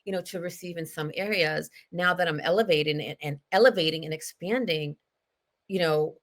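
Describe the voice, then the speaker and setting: A woman's voice: deep voice, normal speed. A middle-aged woman hosting a solo podcast, talking in an earnest, confessional way with many fillers and restarts. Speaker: podcast host. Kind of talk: reflective solo podcast talk.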